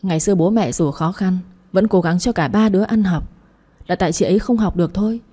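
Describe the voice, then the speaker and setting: A curt, defensive younger brother voiced by a woman narrator who snaps at his sister. The tone is low and husky, mellow rather than bright. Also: a little fast. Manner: curt, snapping.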